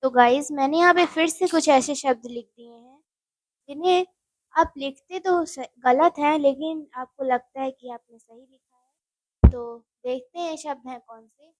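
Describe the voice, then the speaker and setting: High-voiced woman teaching Hindi spelling. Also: a little slow, darkish tone, dry recording, poor audio. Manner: explains step by step, addresses viewers as guys. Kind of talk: spoken exam-prep lesson.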